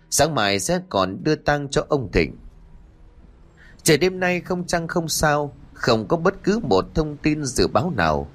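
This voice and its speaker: A man narrating a horror audiobook in a dramatic, expressive way. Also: medium pitch. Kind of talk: scripted horror story narration.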